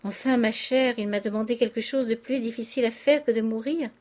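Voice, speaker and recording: A woman's voice: a little high, fairly even intonation, fairly quick, a little mellow, close to an everyday voice. A woman reading aloud, voicing a distraught young aristocratic wife making a tearful confession. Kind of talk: audiobook character reading.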